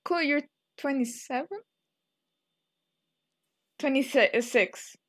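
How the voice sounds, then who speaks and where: A woman's voice: high voice, very slow, no echo. A woman in her twenties co-hosting a podcast in casual chat, with dry, blunt asides. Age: 20s. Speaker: podcast co-host.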